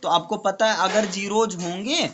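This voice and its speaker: A man's voice: sits high, steady tone, normal speed, fairly bright tone, highs cut off, a little hiss or hum. A male tutor teaching maths to a student, explaining step by step and checking in often. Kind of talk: classroom maths lesson.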